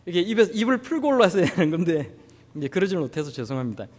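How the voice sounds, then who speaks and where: A male pastor from Busan with a Gyeongsang accent delivers a sermon. He tells humorous anecdotes in a fairly high, animated voice. The sound carries a long church-hall reverb. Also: quick pace, breathy edge. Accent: Gyeongsang Korean.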